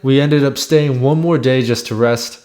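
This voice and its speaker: A man with an average-pitched voice delivers scripted voice-over narration. He tells his own expedition as a reflective first-person story. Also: moderate pace, darkish tone.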